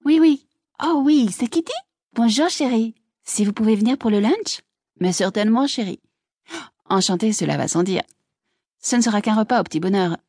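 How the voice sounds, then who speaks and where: Woman reading bubbly young hostess, high gushing chatter, husky edge, dry sound. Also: expressive, moderate pace, darkish tone, dry recording. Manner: breathless, gushing. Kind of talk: audiobook character voice.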